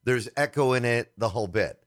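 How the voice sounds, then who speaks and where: A man's voice: medium pitch, a little fast, dry recording, studio quality. A man hosting a tech radio show in casual chat, joking and laughing easily.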